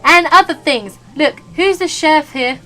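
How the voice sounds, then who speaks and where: A woman's voice: sits high, normal speed, sharp tone, soft background music, pitched above the performer's own voice. A woman voicing a bossy, short-tempered video game chef who talks in a brusque, commanding way. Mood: bossy, irritated. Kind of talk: character voice in a game read-aloud.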